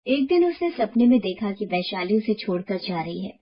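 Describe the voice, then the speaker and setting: A woman narrating a bedtime moral story in a steady, scripted way. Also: medium pitch, moderate pace, muffled recording. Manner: steady, explanatory.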